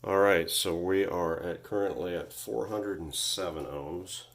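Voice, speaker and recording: Recorded on a tripod-mounted phone, a man who hosts vintage electronics repairs talks through a job at his home workbench in an easygoing workshop walkthrough. His low-sitting voice thinks out loud, often pausing and saying "um."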